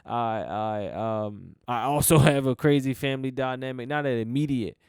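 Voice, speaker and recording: A man's voice: mid-range voice, normal speed, clean tone, no echo, studio quality. A young American man hosting a casual solo podcast, rambling and laid-back with many fillers and restarts, swearing casually. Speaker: podcast host.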